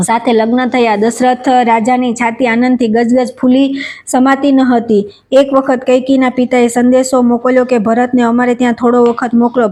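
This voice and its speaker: Woman in an even, flat storytelling voice. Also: on the high side. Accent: Gujarati. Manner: steady recitation, even delivery, quoted dialogue read without acting. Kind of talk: devotional scripture storytelling.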